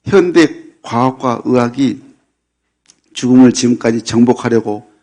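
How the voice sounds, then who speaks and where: A middle-aged man preaching a Sunday sermon as pastor, unhurried and peppered with filler yeses and light humor. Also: medium pitch, a little mellow. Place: church sanctuary.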